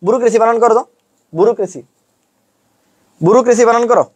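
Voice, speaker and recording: Fast-talking man teaching online. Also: very high-pitched, slightly rough. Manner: chanting mnemonics; colloquial teasing. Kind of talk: online lesson.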